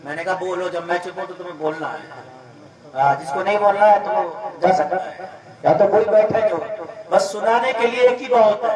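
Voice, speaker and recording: A man leading a religious gathering, singing a devotional naat with long drawn-out words and breaking off to urge the crowd to sing along. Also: high voice, recorded from a distance. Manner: stretches sung words slowly, then scolds the crowd in quick asides. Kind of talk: sung naat with spoken sermon asides. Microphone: stage microphone with added echo. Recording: echoey PA mic at a gathering, music behind.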